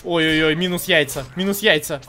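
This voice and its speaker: A young man giving casual, excitable live commentary while streaming a video game. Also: on the high side, brisk, soft background music. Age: young adult.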